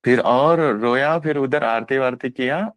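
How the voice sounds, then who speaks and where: A man casually retelling a personal spiritual experience at a gathering, animated, quoting dialogue and laughing. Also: medium pitch, measured pace, dry recording. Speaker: devotee sharing a personal experience. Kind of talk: casual satsang storytelling.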